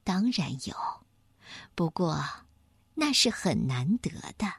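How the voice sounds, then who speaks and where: A woman voicing an old speckled mother hen, soft-spoken and low. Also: big pitch swings, takes it slowly, husky, no room sound, clean studio sound, full character voice. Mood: curious.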